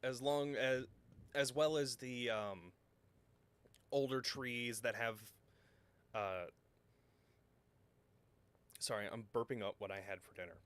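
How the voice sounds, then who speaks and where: A man narrating a tabletop game as game master, halting and full of ums and self-corrections. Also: mid-range voice, a bit bright, smooth.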